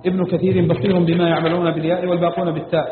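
Male reader, rapid level recitation, slightly high voice, roomy hall, phone-like sound. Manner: fast, even reading with little pitch movement. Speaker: student reading a text aloud. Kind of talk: rapid recitation of a classical text. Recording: echoey hall on a tinny, hissy line.

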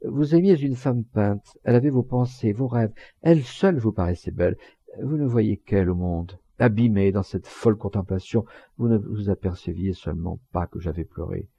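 A man voicing a heartbroken young German girl who reproaches her lover in a slow, soft-spoken reading. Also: on the low side, vocal fry, slightly rough, dry recording, highs cut off. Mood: hurt, tender.

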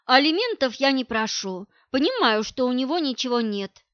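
A woman's voice: high-pitched, very animated, normal speed, a bit bright, no room sound, lo-fi sound. A woman reading an audiobook voices a cold, scornful middle-aged wife who talks down to her rival in curt, dismissive lines.

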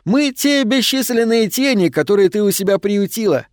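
A man's voice: high voice, animated, moderate pace, no room sound, clean studio sound, pitched above the performer's own voice. A man voicing joyful freed heavenly shadows. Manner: glad, bright, uplifted. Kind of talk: audiobook storytelling.

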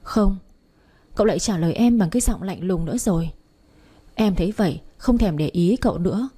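Mellow, husky woman narrating a romance. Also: fairly low pitch, animated, fast. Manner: chatty, addresses listeners directly. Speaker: story narrator. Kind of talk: first-person romance story reading.

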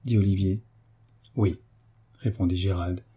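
A man narrating a classic novel as an audiobook in a measured, steady reading. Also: lowish voice, breathy edge.

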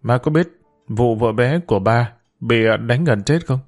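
A man's voice: medium pitch, unhurried, darkish tone, faint music behind, lightly acted. A man voicing a young son who answers his mother hesitantly. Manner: hesitant, polite.

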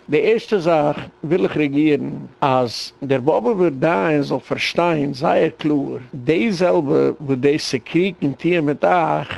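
A man's voice: on the high side, darkish tone. A man speaking with a Yiddish accent, giving an impassioned, rambling lecture as a rabbi. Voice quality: gravelly. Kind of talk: spoken lecture.

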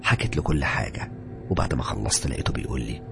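A man with an Egyptian accent narrating a first-person horror story, dramatic and hushed at tense moments. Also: a bass voice, very fast, gravelly, over music. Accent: Egyptian Arabic.

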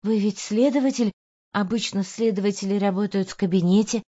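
A woman voicing an eager, earnest young woman who speaks in a lively, raised voice. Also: medium pitch, fairly quick, lightly acted. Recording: dull lo-fi audio.

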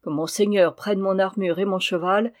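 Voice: mid-range voice, steady tone, moderate pace, lightly acted. A reader voicing a bossy, scolding dwarf. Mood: commanding. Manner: scolding, commanding. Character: cunning bossy male dwarf. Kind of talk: audiobook character voice.

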